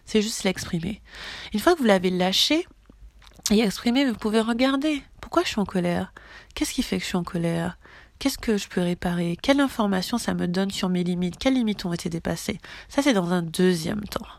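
A woman's voice: medium pitch, animated, brisk, vocal fry, dry recording. A woman coach giving a casual, blunt motivational talk, emphatic and swearing freely. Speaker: coach leading a group challenge.

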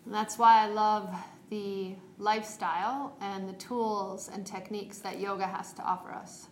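A yoga teacher guides a meditation in a calm, unhurried, meditative way, her voice sitting in the mid range. The recording carries a roomy echo and a faint hum of background noise.

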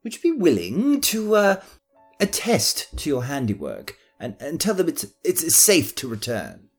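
A jittery nobleman with a breathy, stammering voice that lurches wildly up and down , as a woman puts him on. He talks slowly and frets over every word. Soft music plays faintly behind. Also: low-pitched, wildly swooping pitch, voice pushed up, heavily acted. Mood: nervous. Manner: nervous, then frantic and pleading. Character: panicky greedy nobleman who killed his mother.

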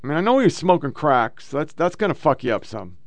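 A man's voice: a little high, very animated, fast, gravelly, no echo. An American man hosting casual political commentary, blunt and full of swearing. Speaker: host.

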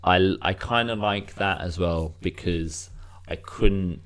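A man's voice: low-pitched, slow pace, a bit bright, smooth. A man hosting a casual music review chat, rambling with frequent restarts. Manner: rambling, restarts, many "you know".

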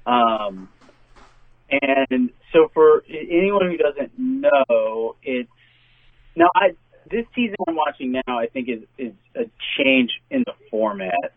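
A man's voice: medium pitch, big pitch swings, slow, dry recording. A man calling in as a podcast guest, chatting casually in a hesitant, dry way with many fillers. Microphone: phone call. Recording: tinny phone line, dry.

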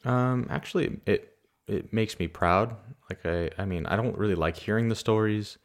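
A man's voice: on the low side, normal speed. A man who is a podcast guest, talking candidly in casual chat, with hesitant restarts.

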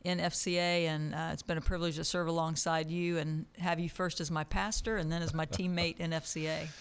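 An older man, a ministry director, answering interview questions in an earnest, measured and devout manner. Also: on the high side, flat delivery, a bit bright, clear, resonant tone. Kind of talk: radio interview guest.

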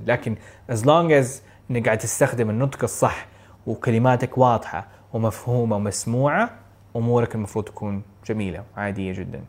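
Male Saudi tutor, Hejazi accent, quick and energetic, casual to-camera delivery that mixes English into Arabic, mid-pitched. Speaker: IELTS speaking tutor. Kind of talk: casual instructional talk to camera.

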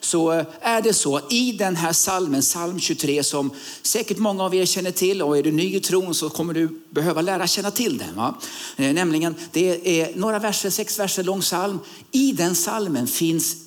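A middle-aged man from Sweden preaches in a church, his voice sitting somewhat high for a man. He talks haltingly, full of fillers, then lifts into sudden emphatic rises. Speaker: guest preacher. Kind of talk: sermon.

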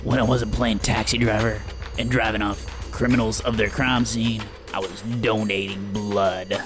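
A man's voice: on the low side, flat delivery, moderate pace, music in the background, close to an everyday voice. A man reading the part of a brooding former taxi driver in solemn voice-over narration during a script read-through.

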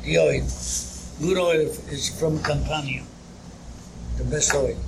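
Higher-pitched older man. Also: slow, gravelly. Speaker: interviewee, member of card group. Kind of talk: casual chat. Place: community center room. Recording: noisy room ambience.

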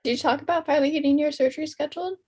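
A woman's voice: high-pitched, steady tone, very fast, a little mellow. A young adult woman chatting casually as a podcast co-host.

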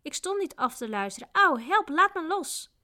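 A sniveling male inn servant, voiced by a woman reading a storybook squeals and whimpers in a thin, raised voice. The tone stays smooth and clean throughout. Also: on the high side, moderate pace, close to an everyday voice. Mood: whimpering. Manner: whimpering, cries out in pain. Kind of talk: audiobook character voice.

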